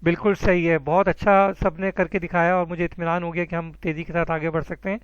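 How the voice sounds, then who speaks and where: Man, high voice, patient teacher, dry close sound, muffled lo-fi. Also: level tone, clean tone, dry recording. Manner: patient, encouraging, calls students by name. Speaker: Arabic teacher. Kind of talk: online class teaching.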